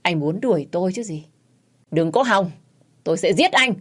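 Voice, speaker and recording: A woman's voice: unhurried, a little mellow, husky. A woman voicing a desperate middle-aged wife and mother who pleads and cries out. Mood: frantic. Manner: pleading, shrill, frantic.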